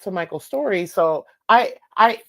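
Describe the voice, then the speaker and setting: A woman's voice: medium pitch, expressive, measured pace. A woman hosting an interview, asking questions in a conversational way and searching for words as she talks. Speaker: host. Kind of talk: casual interview.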